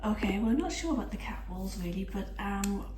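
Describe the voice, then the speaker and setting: A woman's voice: mid-range voice, animated, fairly quick. Woman in an echoey, noisy room. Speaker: paranormal investigator hosting a session. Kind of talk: casual narration and questions addressed to spirits. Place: echoey indoor space. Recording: echoey room, clear background noise.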